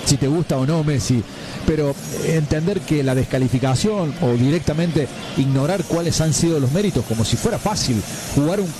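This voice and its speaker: A man giving measured, emphatic opinions on a sports radio show. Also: fairly high pitch, noisy background.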